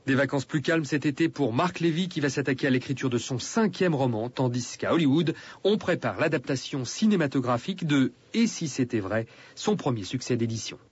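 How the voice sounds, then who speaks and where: Husky male radio presenter. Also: mid-range voice, expressive, brisk, no room sound. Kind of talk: scripted news narration. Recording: dull lo-fi radio sound.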